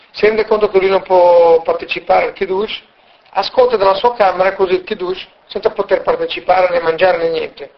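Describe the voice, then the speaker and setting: Man, religious teacher, animated storyteller, high voice, muffled lo-fi recording. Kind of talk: storytelling lesson.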